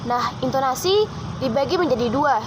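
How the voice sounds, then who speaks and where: A woman student giving a plain, brisk class presentation. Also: high voice, lively intonation. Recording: traffic noise outside.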